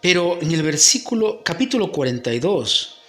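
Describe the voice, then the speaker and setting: A man's voice: a little high, big pitch swings, moderate pace, a bit bright. A male pastor preaching a sermon with emphatic, repeated phrases. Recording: roomy echo with faint music.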